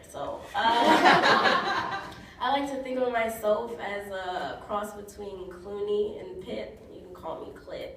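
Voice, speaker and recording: A woman performing stand-up comedy, telling her stories deadpan and breaking into laughter at her own punchlines. She is recorded from a distance in a very echoey club. Loud noise from the room sits behind her voice. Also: medium pitch, vocal fry. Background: audience laughter and noise.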